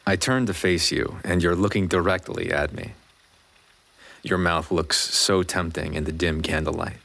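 A deep-voiced American biker. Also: male voice, fairly even intonation, normal speed, gravelly, a bit bright, heavily acted. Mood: intimate narration.

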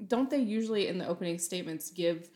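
A woman's voice: lowish voice, fast, mellow. A young woman co-hosting a podcast, who reacts with exclamations and questions. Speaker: podcast co-host. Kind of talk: casual chat.

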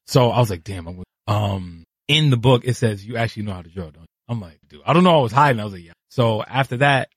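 A man in his thirties from New City, a guest artist telling his story, animated and acting out quoted voices. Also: fairly low pitch, slightly rough, no room sound. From New York City. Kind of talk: casual interview storytelling. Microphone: podcast studio mic.

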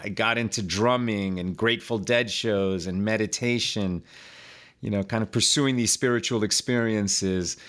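Telling his life story as a podcast guest, a man from Chile in his fifties speaks loosely and conversationally in a lowish voice. He uses plenty of fillers and repeats words often.

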